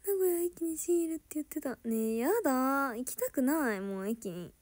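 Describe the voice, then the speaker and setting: Giggly woman livestreamer, fairly high and animated, casual chat with viewers. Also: normal speed. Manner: giggly, laughs often, drops into soft murmurs. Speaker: idol livestreamer chatting with viewers.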